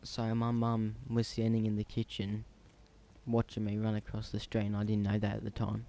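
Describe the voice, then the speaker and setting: A man's voice: fairly low pitch, completely flat delivery, normal speed, dark tone. A teenage Australian guy telling a story from his own life in a casual vlog, rambling along with lots of ums and restarts. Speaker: storyteller vlogger.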